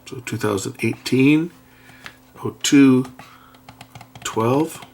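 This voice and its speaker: Gravelly and darkish in tone, this middle-aged man's mid-range voice carries a relaxed product demo at an indoor workbench. As a reviewer, he presses buttons and thinks aloud, taking his time talking himself through the menus.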